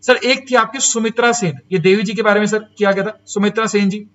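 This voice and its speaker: A man with an Indian accent delivers an exam-prep lecture in a fairly high voice, chatty and full of questions he answers himself. Key English terms are stretched out slowly for emphasis. The recording sounds dull and lo-fi. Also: steady tone, a bit bright. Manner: chatty teacher, asks and answers his own questions, says "sir" and "bhaiya". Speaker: teacher.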